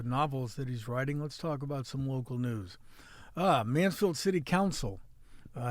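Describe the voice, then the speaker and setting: A middle-aged Midwestern American man with a mid-range, slightly mellow voice hosts a podcast and works as a city editor. On a dry recording, he jokes, chats and rambles with restarts, mixing casual talk with a local news rundown.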